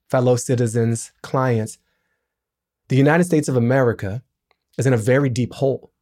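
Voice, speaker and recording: A middle-aged man speaks as a podcast guest, his voice at an ordinary male pitch. He explains with lively emphasis, pushing up on the lines that matter. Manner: animated, emphatic explaining with business analogies. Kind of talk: podcast interview.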